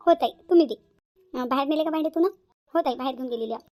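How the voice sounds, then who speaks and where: A woman's voice: high voice, rapid-fire, a little mellow, no echo, natural voice. A woman voicing a devoted younger sister-in-law in a cartoon, earnest and insistent. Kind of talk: cartoon voice acting.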